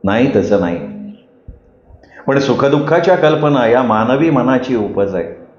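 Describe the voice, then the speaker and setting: A man voicing a gentle young wanderer who speaks softly, patiently and reassuringly, in a roomy, dull recording. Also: medium pitch, animated, a little slow, close to an everyday voice. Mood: calm.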